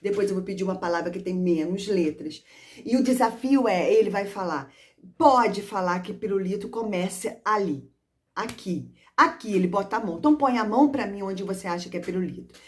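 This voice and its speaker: A literacy teacher with a medium-pitched, brisk voice shares practical tips with fellow teachers, singing and acting out classroom prompts as she explains. She demonstrates as she goes and calls her listeners "gente."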